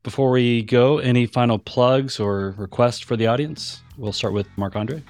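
A man hosting a podcast in casual chat, joking with a playfully deadpan delivery. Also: mid-range voice, normal speed, dry recording, soft background music. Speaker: podcast host.

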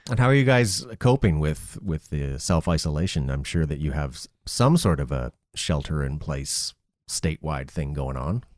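A man with a very low voice chatting in an easygoing way. The sound is dry and close, with no room around it. He draws out his guest with unhurried questions. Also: no room sound. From Canada. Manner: relaxed, asks questions of the guest. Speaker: podcast co-host. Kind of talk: casual conversation.

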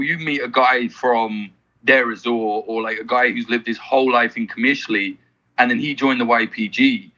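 A man's voice: medium pitch, sharp tone, highs cut off. A man talking as a podcast guest, blunt and swearing freely in casual interview chat. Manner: blunt, swears freely, fast run-on explaining.

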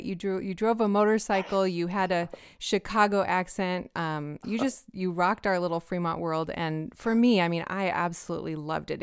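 A woman in her forties hosting an interview, talking warmly and gratefully, with frequent laughter. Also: fairly low pitch, gravelly, clean tone, no echo, clean studio sound. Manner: warm, grateful, laughing often. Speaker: podcast host. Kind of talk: casual interview.

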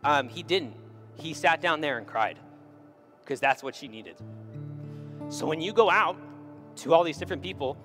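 Man preaching casually, soft guitar behind. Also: on the high side. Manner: conversational, retelling scripture with frequent "right?". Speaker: pastor. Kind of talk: sermon.

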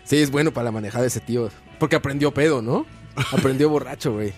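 A man's voice: medium pitch, fast talker, soft background music. A man with a Mexican accent hosting a casual comedy chat, telling stories in slangy, sweary language. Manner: slangy, swearing, animated storyteller. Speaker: comedy show host.

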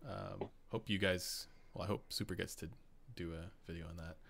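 Gravelly low-voiced Canadian man. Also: fairly even intonation, normal speed, a bit bright. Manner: rambling, many fillers and restarts, reads chat questions aloud. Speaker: host. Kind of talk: casual live-stream chat.

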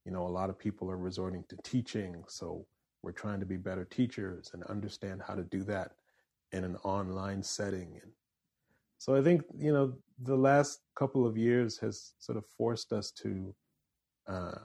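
Easygoing low-voiced Canadian man. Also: normal speed, creaky, dark tone, breathy edge. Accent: fairly neutral Canadian English. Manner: easygoing, restarts phrases while thinking. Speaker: musician and voiceover artist guest. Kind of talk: casual interview chat.

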